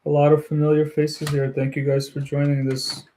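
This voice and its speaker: A man's voice: a little high, completely flat delivery, moderate pace, background noise. A man from Ukraine hosting a casual livestream, chatting with viewers and laughing often as he builds. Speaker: livestream host. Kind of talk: casual chat with live viewers.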